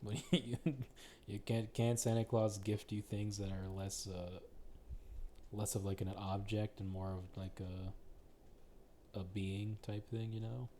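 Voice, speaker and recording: A man's voice: lowish voice, flat delivery, takes it slowly, warm tone, a little hiss or hum. A young man co-hosting a casual podcast chat, teasing his friends and laughing often. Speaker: podcast co-host.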